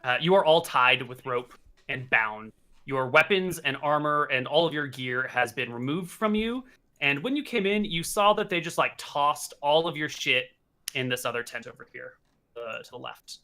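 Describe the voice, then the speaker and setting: A man's voice: mid-range voice, lively intonation, normal speed, pushed and bright. A man narrating a tabletop game as game master, with casual, rambling narration full of fillers.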